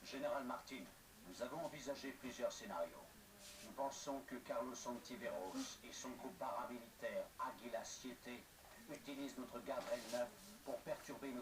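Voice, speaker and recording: A man's voice: mid-range voice, close to an everyday voice. Distant echoey military man played by an actor. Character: military commanders and soldiers, urgent, stern adult men. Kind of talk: military video game dialogue, radio briefing. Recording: distant, echoey, noisy game playback.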